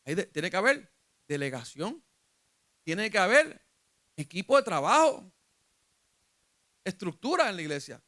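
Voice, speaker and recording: A man's voice: sits high, sing-song, unhurried, pauses often, sharp tone. A man with a Puerto Rican accent preaching a sermon as pastor, asking his congregation questions and rising when he retells scripture. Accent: Puerto Rican Spanish.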